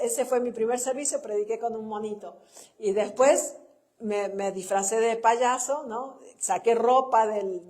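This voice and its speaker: This mid-range, dark-toned voice belongs to a middle-aged woman with a Chilean Spanish accent. A pastor's wife who speaks at church, she preaches conversationally through personal anecdotes, often ending lines with "¿no?" and laughing at her own stories.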